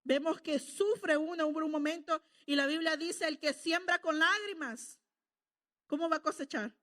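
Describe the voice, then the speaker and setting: A woman's voice: high-pitched, normal speed, sharp tone. A middle-aged woman preaching a sermon in a conversational way, often checking in with the congregation. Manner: conversational, asks the congregation "¿verdad?".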